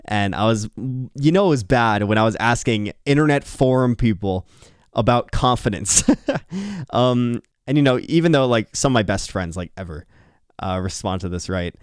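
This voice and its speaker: This young YouTuber sounds tired as he talks casually late at night, rambling, candid, and dropping the odd swear or laugh. His fairly low, smooth, slightly nasal voice moves at a moderate pace, close-miked with earphones on and recorded cleanly in the studio without echo.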